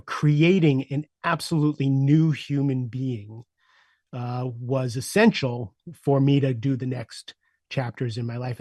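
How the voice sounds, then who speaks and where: A man in his sixties, a podcast guest, telling his personal story candidly and reflectively, with frequent "uh" fillers and a voice that sinks softer at heavy moments. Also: mid-range voice, dry recording, clean studio sound. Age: 60s.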